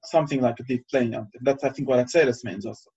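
A husky-voiced man teaches a Torah class, thinking out loud and circling back over his words as he reasons. The recording is dull and lo-fi. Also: medium pitch. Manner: halting, searching, repeats phrases while reasoning.

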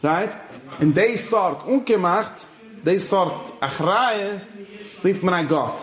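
A man's voice: high-pitched, expressive, slow, a bit bright. Man teaching in an echoey room. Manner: switches between Yiddish and English, often checks in with listeners. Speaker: religious teacher. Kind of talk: informal religious lecture.

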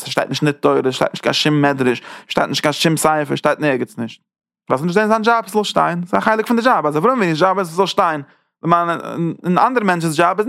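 Gravelly, halting religious teacher, a man. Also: on the high side, fairly bright tone, dry recording, clean studio sound. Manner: halting, restarts phrases while searching for words. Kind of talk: informal spoken Torah lesson.

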